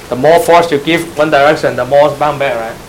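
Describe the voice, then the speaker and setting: A man's voice: fairly high pitch, fairly even intonation, normal speed, slight background noise, poor audio. A man teaching church history, spelling out terms letter by letter, glossing them in Chinese and quizzing his listeners. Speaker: Bible teacher.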